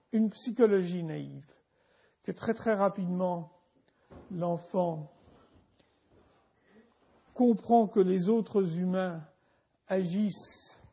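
A man giving a university lecture, halting, with many restarts and repeated words. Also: high-pitched, vocal fry, mellow, breathy edge, muffled recording.

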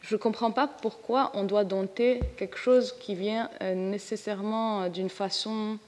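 A woman's voice: mid-range voice, fairly even intonation, measured pace, a little mellow, in a large hall. A woman with a Lebanese French accent speaking candidly on a discussion panel, laughing easily and mixing in English words. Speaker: comics artist on a panel.

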